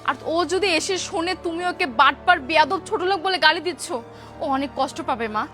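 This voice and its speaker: A woman's voice: very high voice, quick pace, bright, forceful tone, faint music behind. A woman playing a young married daughter who pleads with and soothes her angry mother. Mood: pleading.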